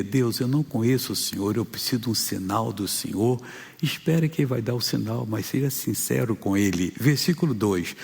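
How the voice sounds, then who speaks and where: Man, Brazilian Portuguese accent, preacher, emphatic sermon, gravelly, long hall echo. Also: mid-range voice, a little mellow. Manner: emphatic preaching, rising for exhortations. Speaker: pastor. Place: church hall.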